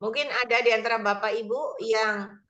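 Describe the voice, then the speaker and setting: A woman's voice: fairly high pitch, fairly even intonation, moderate pace, fairly bright tone, lo-fi sound. A woman host thanking the pastor and moderating an online prayer meeting.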